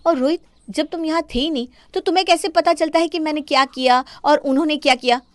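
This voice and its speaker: A woman voicing a sharp-tongued young daughter-in-law who talks back sarcastically, in an animated story. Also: high-pitched, fast talker, no echo, pitched above the performer's own voice, close to an everyday voice. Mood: defiant.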